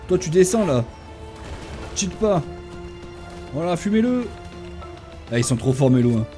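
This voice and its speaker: Excitable man voicing his gameplay. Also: a little high, a little slow, faint music behind. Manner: excitable, talks to his tamed animals, shouts and cheers in fights. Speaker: gaming YouTuber. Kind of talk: casual gameplay commentary.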